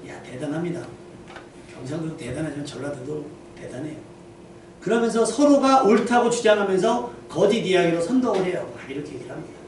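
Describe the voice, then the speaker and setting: A man with a high voice preaches in a church sanctuary, talking with the congregation as much as to it. His voice rings through a very echoey hall, heard from some distance off the mic with a faint hiss beneath. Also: animated, normal speed, a little mellow. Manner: conversational preaching, asks the congregation questions. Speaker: pastor. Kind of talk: sermon.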